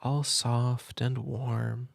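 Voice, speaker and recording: A man murmurs tenderly into a close mic, drifting between low speech and whisper in a slow ASMR comfort roleplay. His delivery stays flat and unhurried, with a gravelly texture, and the sound is dry with no room around it. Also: no room sound. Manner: soft, tender, half-whispered. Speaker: ASMR creator.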